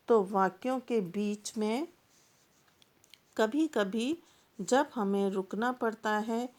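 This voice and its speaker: A woman teacher explains something patiently to her class, pausing often and repeating points with plain examples. Her voice sits at a medium pitch with a darkish tone.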